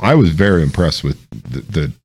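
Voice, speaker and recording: A man's voice: extremely low pitch, very animated, normal speed, darkish tone, breathy edge. A man telling military stories in a loose, rambling chat, with lots of ums and swearing. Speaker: podcast host. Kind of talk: casual storytelling chat.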